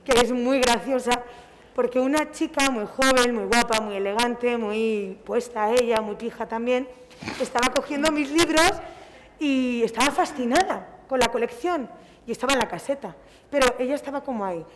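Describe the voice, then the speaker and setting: High-voiced woman author. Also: moderate pace. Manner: lively anecdote-telling, acts out dialogue. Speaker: author on a panel. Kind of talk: casual storytelling. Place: convention hall. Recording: reverberant hall, background noise.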